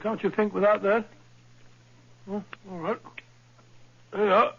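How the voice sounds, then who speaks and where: Doctor Watson in a vintage radio play, with a high, bluff voice that grumbles and scoffs. The broadcast is muffled, with steady hiss in the background. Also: male voice, measured pace, creaky. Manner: bluff, blustering and skeptical. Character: Doctor Watson, bluff skeptical adult male companion. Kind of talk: 1940s radio acting.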